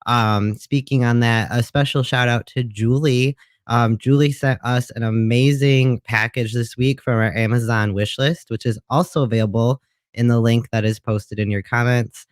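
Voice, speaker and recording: A man hosting a casual livestream show, chatty and relaxed, with many ums. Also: mid-range voice, moderate pace, no echo, studio quality.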